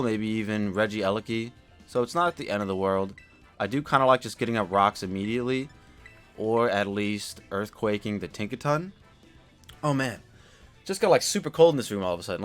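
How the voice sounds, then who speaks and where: Chatty man giving casual game commentary. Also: lowish voice. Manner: relaxed and chatty, many fillers, swings into loud excited reactions. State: drowsy after a nap. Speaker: Pokemon battle YouTuber. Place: home room.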